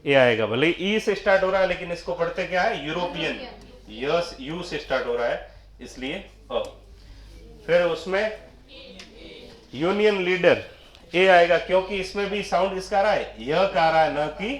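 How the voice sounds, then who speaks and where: Echoey male teacher quizzing a class. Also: fairly high pitch. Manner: quizzing students, answering his own questions. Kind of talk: classroom lecture.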